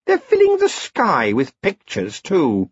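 A male narrator voicing a cold, seductive female elf queen in an audiobook, speaking slowly and insinuatingly with a husky voice. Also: a little high, wildly swooping pitch, voice pushed up, exaggerated voice. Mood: menacing. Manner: slow, insinuating and menacing. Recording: slightly dull, muffled recording.

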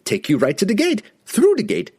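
Squeaky, stammering merchant, nervous and fawning, speaks in broken phrases. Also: male voice, huge pitch swings, fairly quick, darkish tone, slightly rough, heavily acted. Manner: stammering, giggling, broken grammar.

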